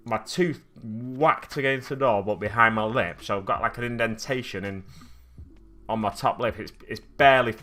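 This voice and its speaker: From his hobby desk at home, with a glass cabinet behind him, a streamer host paints miniatures and casually chats with viewers, rambling through stories. His slightly scratchy voice is mid-range, bright and forceful at a normal speed, over soft background music.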